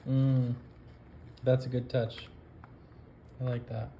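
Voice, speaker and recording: An off-camera companion in a cooking video, reacting with slow, appreciative, playful remarks. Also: medium pitch, level tone, a little hiss or hum. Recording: echoey kitchen with loud dish clatter.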